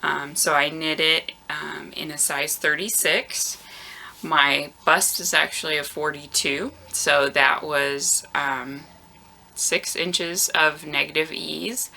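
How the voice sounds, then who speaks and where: A woman in her thirties hosts a knitting video podcast, relaxed and chatty with frequent ums. Her very low voice has vocal fry and sounds tired and groggy, recorded on a camera microphone in a warm room at home.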